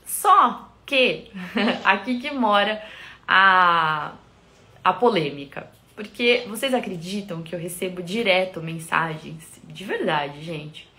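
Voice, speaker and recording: A woman's voice: medium pitch, sharp tone. A woman from Brazil with a Brazilian Portuguese accent, a confectionery owner explaining things to viewers in a chatty, emphatic vlog.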